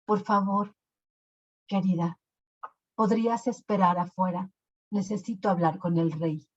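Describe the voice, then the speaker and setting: A man's voice: high-pitched, measured pace, darkish tone, slight background noise. A woman voicing a young, courteous male knight who speaks earnestly, in a told story. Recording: lo-fi recording.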